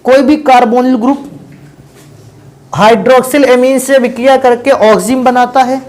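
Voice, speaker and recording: A man's voice: very high voice, fairly even intonation, moderate pace, a little mellow. A man teaching chemistry in a lecture. He calls his students beta and bhaiya and keeps asking questions and answering them himself. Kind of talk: classroom lecture.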